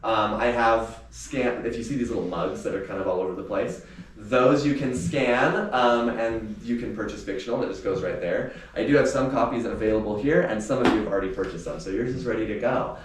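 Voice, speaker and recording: An author who is a teacher talks informally and reads his story aloud at a live book event before a small indoor audience. His voice is fairly low and fairly quick. The mic is distant in a very echoey room, with faint noise.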